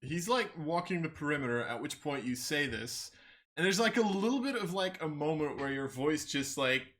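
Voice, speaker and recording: A man's voice: a little high, lively intonation, normal speed, fairly bright tone. A man narrating a tabletop game as game master, casual and laughing, with some swearing.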